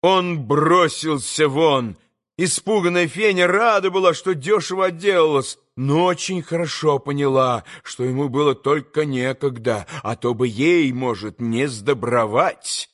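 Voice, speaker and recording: Man narrating an audiobook. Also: on the high side. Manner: measured, expressive reading. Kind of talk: scripted narration of a classic novel.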